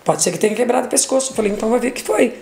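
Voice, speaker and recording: A middle-aged woman with a Brazilian accent, her voice a touch higher than most and full of gravelly fry. She gives a heartfelt faith testimony, acting out the voices of the people in her story and circling back over her words. The room around her is echoey. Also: very fast, a little mellow, a little hiss or hum. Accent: Brazilian Portuguese. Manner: retells events with lots of quoted dialogue, repeats herself. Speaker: podcast guest.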